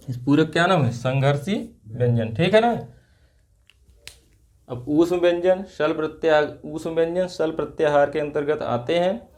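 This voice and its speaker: A man teaching Hindi grammar for exam prep, asking questions and answering them himself in slow, drawn-out repetitions. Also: on the high side, darkish tone.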